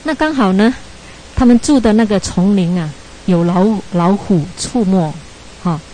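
Mellow-voiced woman teaching meditation. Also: mid-range voice, moderate pace, slight background noise, rough recording. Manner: chatty, ends phrases with tag particles, laughs at own slips. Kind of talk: Buddhist dharma talk with storytelling.

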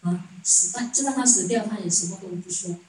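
A woman's voice: medium pitch, a little fast, mellow, slight background noise. A woman giving a Buddhist sermon as a story, chuckling often and asking rhetorical questions. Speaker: Buddhist dharma teacher. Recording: echoey room, distant mic.

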